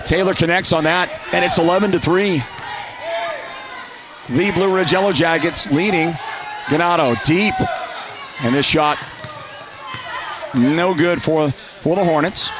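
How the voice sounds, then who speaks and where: A play-by-play announcer from Northern Arizona calls a live basketball game, sounding congested and nasal from a lingering cold. His fairly high voice keeps a measured pace with long pauses, chatty overall but rising to loud calls on big plays.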